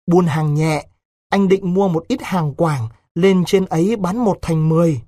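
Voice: medium pitch, measured pace, mellow, no echo, clean studio sound, lightly acted. A storyteller voicing a young peasant man, desperate and weary, about to leave home for good. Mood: resolute. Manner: urgent, weary. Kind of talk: audiobook role-play.

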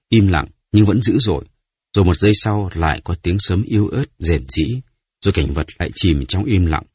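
Male audiobook narrator, very low voice, husky, dry close sound, measured dramatic reading. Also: darkish tone, dry recording.

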